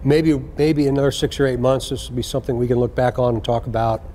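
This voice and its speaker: A man, a senior police official, gives an earnest, deliberate address to recruits, repeating key phrases for emphasis. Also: mid-range voice, steady tone, warm tone, a little hiss or hum.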